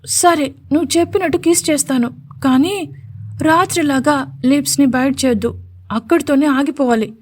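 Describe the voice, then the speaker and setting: A woman's voice: high-pitched, normal speed, natural voice. A woman voicing a shy young woman in love, coy and a little whiny as she protests.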